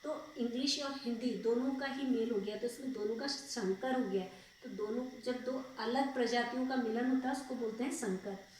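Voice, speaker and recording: A woman's voice: a little high, moderate pace, darkish tone, slight background noise. A young woman teaching a school grammar lesson, patiently repeating words and asking checking questions. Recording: very echoey room, voice far off.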